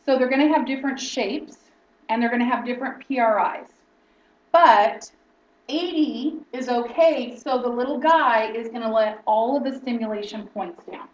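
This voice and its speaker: A woman's voice: fairly high pitch, moderate pace. A woman instructor teaching a lesson in lecture style, explaining step by step and often checking in with "okay?". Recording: roomy, distant, dull lo-fi sound.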